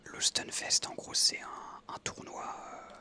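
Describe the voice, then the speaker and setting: A man in his twenties, an ASMR creator, whispers slowly as he tells a relaxed personal story on an evening walk, hesitating often with fillers.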